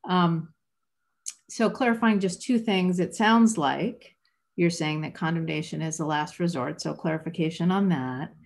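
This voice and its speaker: A woman's voice: lowish voice, unhurried, gravelly. A woman city council member asking questions in a meeting over a video call, hesitant, with many fillers.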